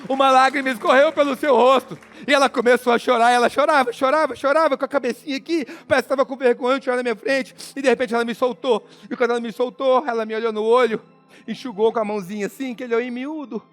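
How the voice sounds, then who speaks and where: Dramatic high-voiced Brazilian motivational speaker. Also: male voice, fairly even intonation, fast talker, soft background music. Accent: Brazilian Portuguese. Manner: acts out dialogue, swings from hushed to shouting. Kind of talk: motivational storytelling speech.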